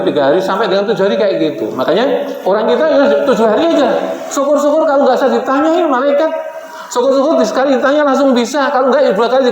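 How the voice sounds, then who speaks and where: A man's voice: high voice, muffled recording. A man preaching an Islamic sermon, telling stories and acting out the voices of the figures in them, often turning to the women present. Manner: animated, acts out quoted figures, addresses the women present. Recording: echoey hall with faint background noise.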